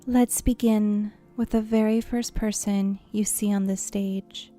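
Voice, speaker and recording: This is a guided imagery meditation led by a woman whose mid-range voice is gentle, soothing, and steady, drifting into breathiness now and then. She takes her time between phrases, and soft music runs underneath.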